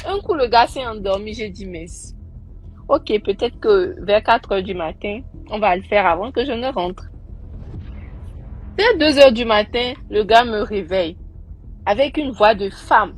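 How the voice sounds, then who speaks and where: A woman's voice: mid-range voice, unhurried, slightly rough. A young woman casually recounting a personal story, acting out the people she quotes. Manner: animated, acting out quoted voices.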